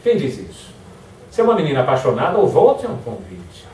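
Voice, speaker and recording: A man's voice: fairly high pitch, fairly quick, a little hiss or hum. A man giving a motivational lecture, acting out example phrases in different tones. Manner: lively, acts out example phrases in varied tones. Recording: echoey hall from far off.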